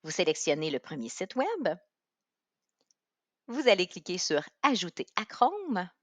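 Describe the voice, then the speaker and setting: A woman with a Quebec French accent narrating a step-by-step software tutorial in an instructional way. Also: fairly low pitch, huge pitch swings, measured pace, no room sound. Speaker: tutorial presenter.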